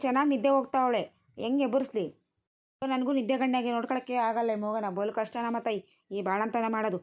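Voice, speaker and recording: A woman voicing a tired, sharp-tongued village grandmother in a cartoon, nagging and scolding. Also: a little high, fairly even intonation, fast talker, natural voice. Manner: nagging, scolding rural speech. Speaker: grandmother tending a newborn.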